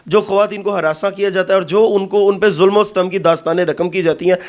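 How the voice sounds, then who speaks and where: Probing male interviewer with a high voice. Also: fairly even intonation. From Pakistan. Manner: sympathetic, probing questions.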